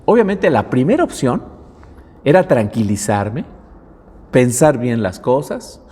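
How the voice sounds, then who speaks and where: A middle-aged man with a Mexican accent, preaching as a pastor and telling a personal story in an animated way. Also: medium pitch, measured pace, breathy edge. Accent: Mexican Spanish. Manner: animated storytelling, acts out quotes. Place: church hall. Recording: long hall reverb.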